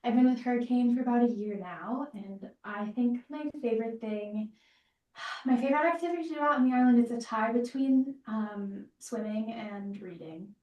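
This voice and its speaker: A woman's voice: a little high, normal speed, a little mellow. A woman, an outreach manager, introducing herself on a video call in a hesitant, casual way, her voice echoing as a second device in the same room picks it up. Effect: echoing double audio from a second device in the same room. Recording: echoey, distant, dull video-call audio.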